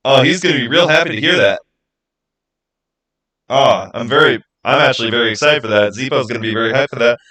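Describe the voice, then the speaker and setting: Bright and forceful, this man's mid-range voice runs a little fast. He's a livestream host in casual conversation with viewers, thinking aloud as he goes.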